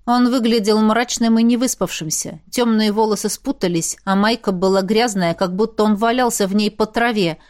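A woman narrating a first-person fantasy audiobook in a steady, expressive reading. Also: mid-range voice, moderate pace, few pauses.

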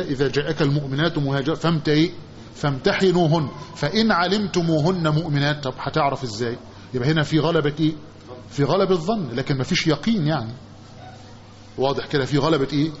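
Egyptian male teacher, quick and a bit high, quizzes his class, dull lo-fi recording with faint hiss. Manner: asks the class questions, repeating phrases with a drawn-out "what?". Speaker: religious teacher. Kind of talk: hadith commentary lesson.

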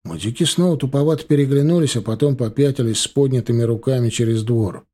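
Husky, dark-voiced male audiobook narrator. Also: medium pitch, fast. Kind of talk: first-person audiobook narration.

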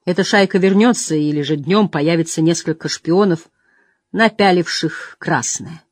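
A reader voicing a stubborn, protective male innkeeper who speaks quietly and firmly in an audiobook reading. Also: mid-range voice, moderate pace, no echo, lightly acted. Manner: quiet and firm, gruff.

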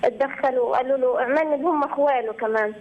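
A woman's voice: high voice, rapid-fire. A young Egyptian woman calling in for advice, pleading and repeating herself as she pours out her situation. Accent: Egyptian Arabic. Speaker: caller seeking advice. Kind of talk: emotional phone-in call. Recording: muffled phone line.

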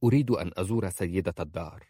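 Man reading a gentle, innocent young bride. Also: low-pitched, racing, slightly rough, no echo, studio quality. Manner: soft, gentle pleading.

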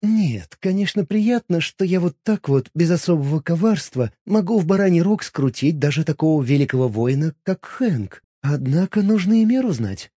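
A haughty young high-elf rogue woman from a fantasy audiobook, as a male reader puts her on, talking in a silky, condescending way that turns imperious. Her voice sits far above a man's own, swoops widely and stays mellow. The recording is close and dry. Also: lively intonation, moderate pace, few pauses, breathy edge, no echo.

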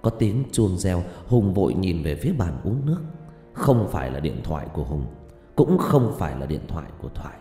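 A man's voice: low voice, normal speed. A man narrating a suspenseful story as an audiobook reader. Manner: suspenseful, expressive reading. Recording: echoey room with long reverb and faint music.

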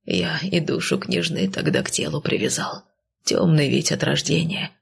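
A woman doing a timid undead coachman, hushed. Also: on the high side, sing-song, normal speed, gravelly, breathy edge, heavily acted. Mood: reluctant. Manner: mumbling, hushed and pleading. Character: timid guilt-ridden undead male coachman.

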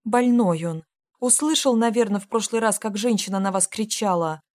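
A woman's voice: medium pitch, normal speed, lightly acted. A woman reading an audiobook, voicing a frightened market-stall mother who begs in a flustered way. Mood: pleading. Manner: begging, flustered.

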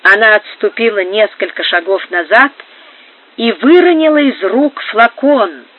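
A narrator reads a period novel in a steady, measured way. The pitch sits mid-range for the voice. The whole reading comes through a narrow, tinny band like a phone line. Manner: measured, even literary reading. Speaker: audiobook narrator. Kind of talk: audiobook reading of a historical novel.

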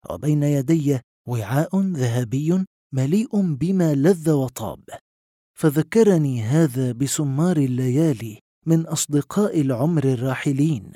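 Guy reading literary short stories, mellow warm tone, dry close sound, slightly high voice. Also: dry recording. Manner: measured, even storytelling reading. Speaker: narrator. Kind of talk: scripted literary narration.

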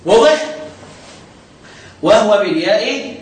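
A man with an Egyptian Arabic accent teaches a recitation class in a very high voice, firing questions at students and chanting verses. He sounds far from the mic in a very echoey room. Faint noise hums underneath. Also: lively intonation, takes it slowly. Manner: quizzes students, drills answers, chants verses. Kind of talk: classroom lesson on recitation rules.

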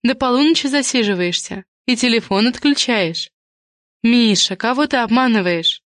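Woman reading as a sarcastic wife, raised pitch, cutting, mocking, dry close sound. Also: animated, normal speed, fairly bright tone, dry recording. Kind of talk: audiobook character reading.

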